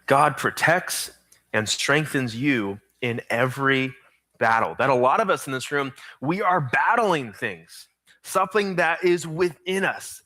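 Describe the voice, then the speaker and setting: Young guy youth pastor preaching to middle schoolers, bright voice, kinda high, emphatic. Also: no echo. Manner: energetic, emphatic, slows down on key phrases.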